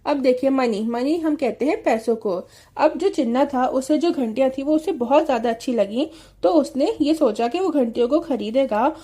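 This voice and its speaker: High, mellow-voiced woman teaching children. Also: husky. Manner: reads English lines slowly, then explains with questions to children. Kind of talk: children's English lesson explained in Hindi.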